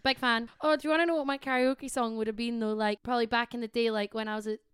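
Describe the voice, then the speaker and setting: Young female co-host, expressive and encouraging, very smooth voice, dry close mic. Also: fairly high pitch, fast talker, no room sound. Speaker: podcast co-host. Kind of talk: casual chat.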